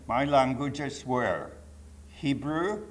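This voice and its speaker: Telling his life story at a public talk, a Polish man in his nineties speaks very slowly with lively intonation in a mid-range voice and a Polish accent. As a Holocaust survivor testifying to a live audience, he is emphatic and wanders into digressions and rhetorical asides. A faint hiss or hum is audible.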